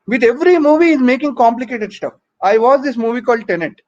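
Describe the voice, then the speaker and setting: High-pitched man with a Telugu accent. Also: expressive, fast talker, a little mellow, lo-fi sound, a little hiss or hum. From Hyderabad region, southern India. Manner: conversational storytelling with rhetorical tags like "no" and "man". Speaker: stand-up comedian. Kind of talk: stand-up comedy monologue to an audience.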